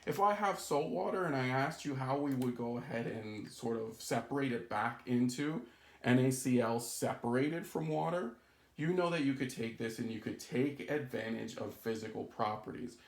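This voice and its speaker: Speaking at a normal speed, this male chemistry teacher has a creaky, medium-pitched voice. In his recorded intro lecture, he explains each step and regularly asks "right?" or "okay?".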